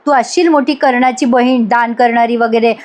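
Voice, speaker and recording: Lady reading stern proud boss guy, firm, still her own high voice. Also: fairly even intonation, moderate pace, a little mellow, lightly acted.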